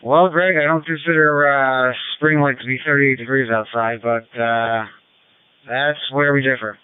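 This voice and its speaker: A man's voice: mid-range voice, steady tone, unhurried, smooth, no room sound. A man calling in over ham radio, chatting casually through a dull, band-limited radio link. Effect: ham radio transmission.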